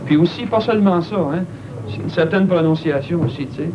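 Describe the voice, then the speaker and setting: A man's voice: fairly high pitch, a little fast. A man with a Québécois accent, a primary school teacher, explaining to his class in an encouraging way. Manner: encouraging, explaining, uses fillers like tu sais. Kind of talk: classroom discussion. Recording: dull old recording with clear background noise.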